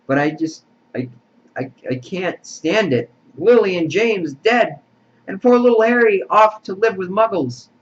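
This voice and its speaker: A man's voice: medium pitch, measured pace, a little hiss or hum, lightly acted. A man voicing a big, shaggy, tearful half-giant who stammers and sobs in a raised voice, on a dull lo-fi recording. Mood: sobbing.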